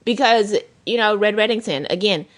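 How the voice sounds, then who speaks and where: A woman's voice: mid-range voice, moderate pace. A woman co-hosting a podcast, rambling in casual chat about TV shows with dramatic asides. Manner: animated, rambling, dramatic impressions. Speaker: podcast co-host.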